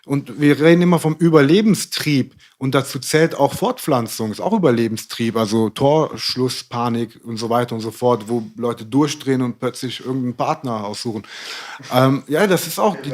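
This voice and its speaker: A middle-aged man talking through ideas in a casual podcast discussion, rambling and hesitant, with many fillers. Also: medium pitch. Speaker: podcast guest.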